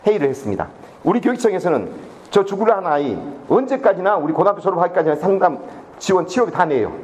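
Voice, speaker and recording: A man's voice: sits high, fast talker. A middle-aged man giving a public lecture, telling a story and acting out its dialogue. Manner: animated, acts out dialogue in his story.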